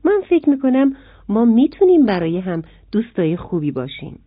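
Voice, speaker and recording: A woman's voice: a little high, big pitch swings, dry recording. A woman doing a kind, eager cricket. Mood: pleading. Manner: gentle, coaxing. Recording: dry, phone-like sound.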